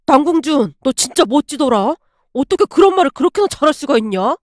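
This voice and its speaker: A woman voicing a blunt, easygoing young office coworker who talks fast. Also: high voice, big pitch swings, darkish tone, no room sound, studio quality. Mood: blunt excited.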